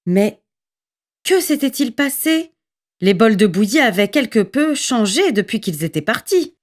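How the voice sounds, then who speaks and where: A woman narrating a children's story in an expressive, lively reading voice. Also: on the high side, a little slow.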